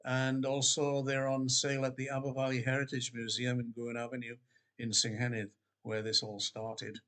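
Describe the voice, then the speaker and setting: An older man from Wales, an author casually talking about his books in a relaxed, rambling way with many pauses and restarts. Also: mid-range voice. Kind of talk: casual spoken book promotion. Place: Queensland, Australia.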